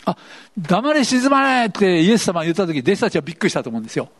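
A man's voice: fairly high pitch, lively intonation, very fast, slightly rough. A man preaching a sermon, playfully asking the congregation questions as he goes. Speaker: pastor. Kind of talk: interactive sermon.

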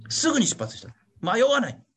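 A male pastor with an extremely high voice, huge pitch swings, and a fairly bright tone talks fairly quickly over slight background noise. He is leading a Bible study for his congregation in an online meeting, giving a casual, chatty, playful teaching sermon. He keeps tacking a questioning "ne" onto his sentences for the listeners and acts out little voices for his examples.

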